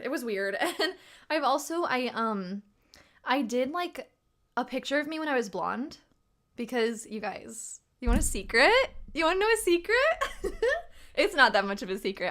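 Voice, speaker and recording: A young woman with a fairly high voice hosts a relaxed livestream. She chats in a loose, rambling way, greeting viewers and laughing often. Her voice sounds tired and slightly rough. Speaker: livestream host and tarot reader. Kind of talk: casual livestream chat.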